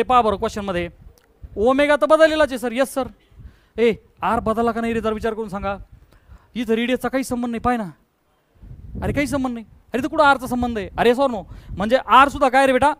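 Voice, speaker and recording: A male physics teacher, lecturing a class and coaxing his students with quick questions. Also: very high voice, a little hiss or hum.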